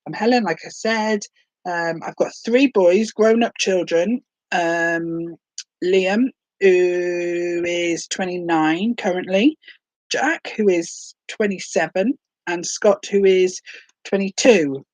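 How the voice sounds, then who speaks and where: Speaking slowly in a lowish, darkish voice on a dry recording, a vlogger in her late forties from Hereford, England, rambles through her very first vlog. She has a cold and a sore throat, and her chat is casual and self-deprecating.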